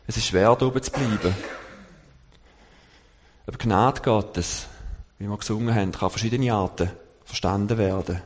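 A man giving a sermon at a halting pace, searching for words and slowing down for scripture quotes. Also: on the low side, background noise. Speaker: lay preacher. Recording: long church reverb.

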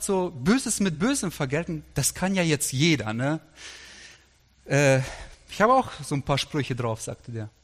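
A middle-aged male pastor preaching a sermon, telling stories with quoted dialogue in a lively anecdotal way. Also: sits high. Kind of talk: sermon storytelling. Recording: long hall reverb.

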